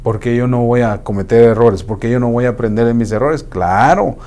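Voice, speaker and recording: A man's voice: mid-range voice, a little fast. A man preaching a sermon, acting out Bible scenes in different voices. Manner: animated, acts out scenes in voices.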